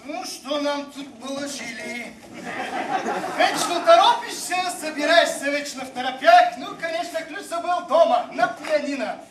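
Man playing chatty tipsy traveller, very high theatrical voice, stage comedy, noisy distant recording. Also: measured pace, reverberant, crowd noise. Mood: breezy. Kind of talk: comic stage acting. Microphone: far camera in the audience.

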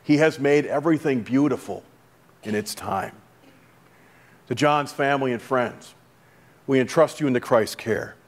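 A middle-aged man speaking as a pastor at a funeral, reading liturgy and prayers in a solemn, measured, formal way. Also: mid-range voice. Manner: solemn, measured, formal delivery with falling phrase endings. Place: large church sanctuary, indoors before a congregation. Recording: reverberant church hall.

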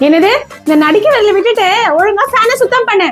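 A scolding cartoon mum, played by a woman, barks orders in an extremely high, piercing voice. Her talk is bossy and commanding, with faint music underneath. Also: expressive, a little fast. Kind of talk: cartoon comedy dubbing.

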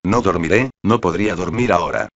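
A man's voice: deep voice, brisk, dull audio. A man voicing an enthusiastic young girl who pleads breathlessly with her friend to look at the moonlit night. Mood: rapturous.

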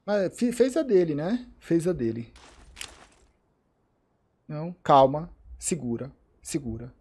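A man with a Brazilian Portuguese accent reacting live to an esports match, excitable and profane, repeating short cries. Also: on the high side, takes it slowly, husky. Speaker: streamer commentating an esports match. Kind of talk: live game reaction commentary.

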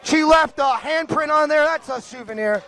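Guy doing wrestling play-by-play, really high voice, excitable and jokey. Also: moderate pace, crowd noise. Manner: excitable, joking banter. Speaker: wrestling commentator. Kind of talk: play-by-play commentary.

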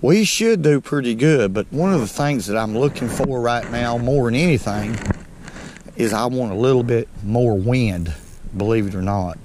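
A middle-aged fishing channel host from North Alabama talks in a medium-pitched, slightly mellow voice with a Southern American accent. He fishes from a small boat on a lake, chatting unhurriedly and folksily to his "folks." The head-mounted action camera picks up slight background noise.

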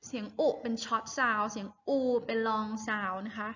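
A woman teacher with a Thai accent gives a phonics lesson, modeling English words slowly and explaining quickly. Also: medium pitch, fairly even intonation, bright, forceful tone, lo-fi sound. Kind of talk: bilingual online lesson.

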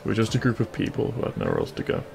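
A man performs a cheeky, kind-hearted bandit prince for an intimate audio roleplay, gravelly, teasing and reassuring. Earnest in mood, he talks very fast in an exaggerated voice at a fairly low pitch, with huge pitch swings.

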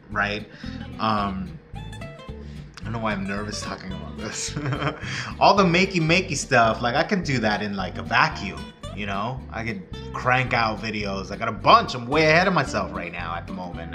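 A man vlogging casually, rambling loosely, breaking off and laughing at himself. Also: medium pitch.

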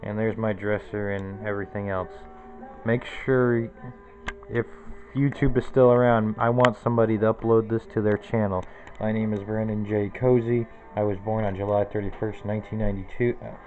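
A man's voice: lowish voice, little pitch movement, fairly quick, narrow, tinny audio, faint music behind. A man in his twenties giving a casual, rambling tour of his small cluttered bedroom, naming objects one after another into a handheld camera. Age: 20s. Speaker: vlogger. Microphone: handheld camera close to the face.

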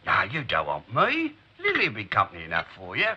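Lively, swooping Cockney bloke. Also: male voice, lowish voice, fairly quick, slightly rough, exaggerated voice. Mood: breezy. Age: middle-aged. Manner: cheery, colloquial. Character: breezy, matey working-class London man. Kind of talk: 1960s television drama acting. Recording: dull old TV soundtrack, hiss.

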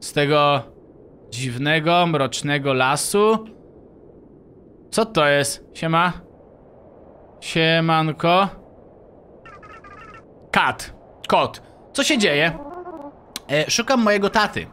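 A man's voice: a little high, expressive, takes it slowly, long pauses, bright, forceful tone. A man hosting a let's-play, commenting playfully and reading the game's dialogue aloud. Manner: playful, reacts with exclamations. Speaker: gaming video host.

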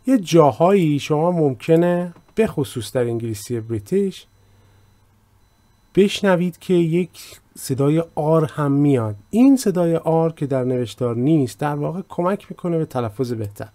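A man teaching a language lesson, with a mellow, warm voice. He explains patiently and reads each English example out slowly and clearly. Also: a little high, animated.

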